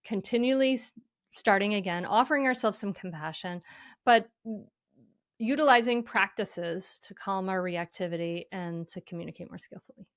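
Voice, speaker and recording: A woman guest explaining mindful parenting in an earnest, gentle way, often saying "you know". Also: mid-range voice, normal speed, no echo, clean studio sound. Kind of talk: conversational explanation.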